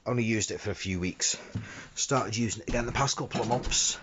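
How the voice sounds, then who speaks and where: Speaking a little fast in a fairly low register, this middle-aged window cleaner gives a hands-on how-to about a fitting. It's a casual tradesman's talk captured on a handheld phone inside a cramped work area, and the recording sounds dull with noise behind it.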